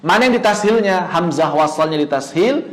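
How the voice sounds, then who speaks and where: A man's voice: high-pitched, lively intonation, poor audio. Man teaching, answering his own questions. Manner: explains with questions he then answers himself; chants Quranic words slowly and drawn out. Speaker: tajwid teacher. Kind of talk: online lesson.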